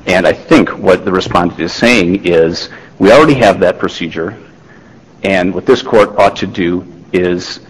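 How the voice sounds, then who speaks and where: Deep-voiced husky man arguing in court. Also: big-room sound, poor audio. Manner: formal, measured, with frequent restarts and fillers. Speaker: lawyer arguing before a court. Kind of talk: courtroom oral argument. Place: large courtroom.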